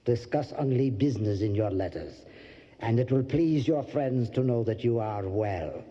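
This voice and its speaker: An actor playing a proud, ancient Transylvanian vampire count with a husky, dark voice and a slow, grandiose, commanding manner in an audio drama. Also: male voice, medium pitch, natural voice. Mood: commanding, menacing. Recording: dull, muffled lo-fi audio.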